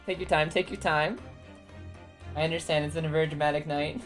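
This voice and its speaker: A woman's voice: deep voice, fairly even intonation, brisk, faint music behind. A woman streamer chatting casually over a game in a boisterous, sweary way.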